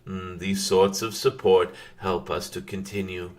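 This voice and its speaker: A man gives voice to a wise, serene dragon spirit in a channeled spiritual message. He speaks low and flat, a little mellow, in a halting, contemplative way with frequent hums and formal phrasing.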